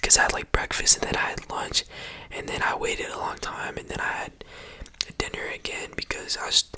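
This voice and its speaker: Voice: normal speed, pushed and bright. A whispering ASMR creator rambling casually and repetitively in slangy speech, close to the microphone. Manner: slangy, repetitive, rambling, often saying bro and you know.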